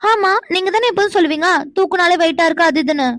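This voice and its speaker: Woman as bashful cartoon wife: very high, fast, excitable, stammers when shy. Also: dry recording, clean studio sound. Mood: shy, protesting. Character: young flustered wife, shy and easily embarrassed. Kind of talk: animated cartoon voice acting.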